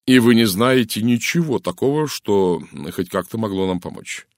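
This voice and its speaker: Man voicing authoritative chief constable, audiobook; dry close read, methodical and measured. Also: fairly low pitch, expressive, dry recording, natural voice. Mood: reasoning. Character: methodical middle-aged male chief constable. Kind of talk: audiobook character reading.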